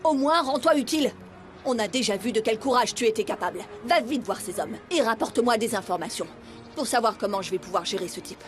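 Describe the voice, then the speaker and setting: A woman's voice: a little high, lively intonation, a little fast, faint music behind, natural voice. A woman dubbing a bitter, vengeful middle-aged daughter in a TV drama, speaking intensely and accusingly. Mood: stern. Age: 40s. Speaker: dub actress. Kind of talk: French dub of a TV drama.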